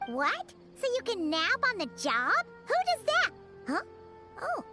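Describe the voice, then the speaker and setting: A woman voicing a tiny, excitable female companion sprite in a video game, who chatters in a squeaky voice and talks about herself in the third person. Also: measured pace, full character voice. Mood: teasing. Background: soft game music.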